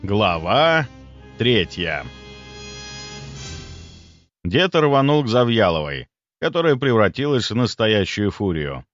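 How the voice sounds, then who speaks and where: A man narrating a fantasy audiobook in the first person, expressive and storytelling. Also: fairly low pitch, takes it slowly, pauses often, muffled recording, faint music behind.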